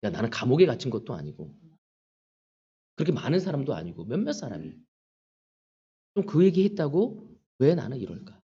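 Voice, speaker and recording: A man's voice: mid-range voice, wildly swooping pitch, a little fast, long pauses, dark tone, breathy edge, highs cut off. A male pastor preaching a sermon, acting out prayers and the taunts of others as he goes. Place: church sanctuary.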